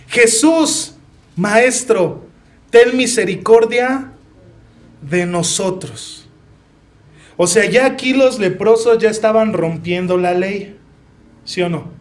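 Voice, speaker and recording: High-voiced Mexican preacher, slow and earnest. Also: male voice. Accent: Mexican Spanish. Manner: earnest and personal, asks the congregation rhetorical questions. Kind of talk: sermon.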